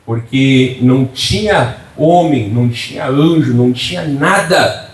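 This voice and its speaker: A man's voice: medium pitch, a little slow. A male pastor preaching to a congregation, firing rhetorical questions, asking for "amém" and joking with the listeners. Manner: jokey asides to the congregation. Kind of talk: preaching a sermon. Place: church before a congregation. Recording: roomy hall, mic at a distance.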